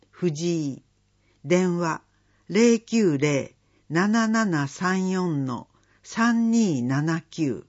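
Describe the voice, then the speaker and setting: A slow, measured voice reads out community event listings one item at a time, with a husky, breathy edge and a lively rise and fall in pitch. The recording sounds dull and lo-fi. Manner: slow, measured listing of dates and phone numbers. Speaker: announcement reader.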